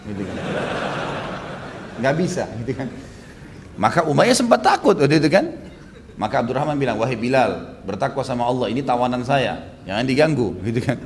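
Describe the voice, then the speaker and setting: A man's voice: a little fast, pauses often, a little hiss or hum. A man preaching a sermon in a casual storytelling way, acting out the quoted lines with a raised voice and dropping back after each. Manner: lively, acts out quoted lines with raised pitch; casual with frequent tag phrases. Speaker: Islamic preacher.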